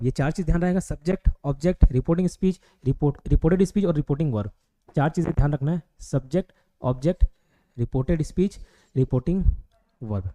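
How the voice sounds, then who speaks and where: A man with an Indian English accent teaching a grammar class online. His voice sits somewhat high but sounds dark and mellow. He drills terms by repeating them and keeps asking the class rhetorical questions. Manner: repetitive, quizzing with rhetorical questions.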